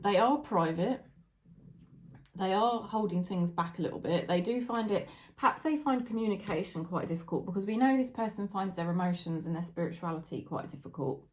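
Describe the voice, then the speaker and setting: A woman giving a daily tarot reading to camera, talking in a chatty, heartfelt way about spirit guides and loved ones. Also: medium pitch. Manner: chatty and warm-hearted, tearful and laughing at times. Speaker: tarot reader.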